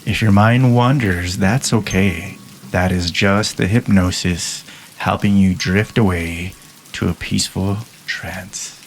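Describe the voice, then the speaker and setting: A man guiding a listener through a hypnosis induction in a soft, calm, measured way with long pauses. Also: low voice, a little hiss or hum.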